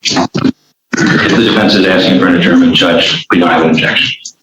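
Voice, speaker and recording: A man's voice: sits low, fairly even intonation, normal speed, fairly bright tone. A man speaking as a prosecutor in court, brief and matter-of-fact with some fillers, heard in a courtroom recording. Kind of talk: courtroom speech. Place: large courtroom. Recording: echoey courtroom, distant mic, noisy.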